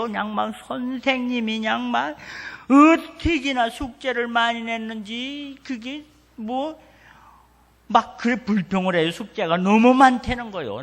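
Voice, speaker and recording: A high, lively older man preaches slowly and deliberately, his voice swooping up and down as he acts out family conversations. He speaks through a microphone, and his voice trails off into the long reverb of a church hall. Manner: animated storytelling, acting out family dialogue. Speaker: retired senior pastor. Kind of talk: revival sermon with anecdotes. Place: church revival meeting hall.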